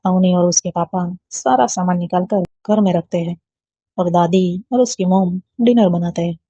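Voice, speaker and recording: A woman narrating a romance story in a plain, steady reading voice. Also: lowish voice, normal speed, husky, no room sound. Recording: dull lo-fi dry recording.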